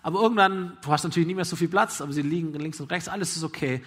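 A man's voice: fairly high pitch, rapid-fire, a bit bright. Man preaching in a storytelling sermon. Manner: conversational storytelling, asks the audience.

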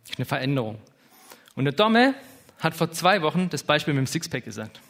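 Man, 30s, slightly high voice, casual, emotional sermon delivery. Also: sing-song, brisk, fairly bright tone. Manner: informal, emotional, with lots of "hey" and "ja". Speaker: preacher.

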